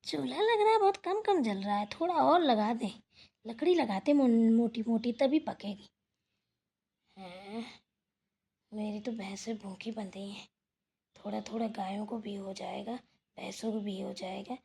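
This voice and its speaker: Cartoon mother-in-law: a woman doing a bossy older village matriarch, high voice, loud and scolding. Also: expressive, unhurried, husky, heavily acted. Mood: muttering. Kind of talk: cartoon voice acting.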